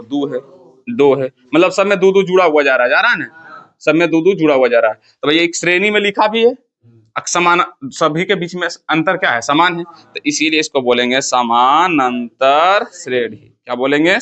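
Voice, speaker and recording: A man's voice: fairly high pitch, a bit bright, dull audio. A male math teacher with a Bihari Hindi accent, lecturing a class. He asks questions, answers them himself and counts through the steps. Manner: counts step by step, repeats key terms.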